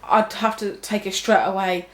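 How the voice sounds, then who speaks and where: Her medium-pitched voice has fairly even intonation and moves at a normal speed. She is a young vlogger talking casually to camera, rambling with many fillers and restarts, and the room echoes.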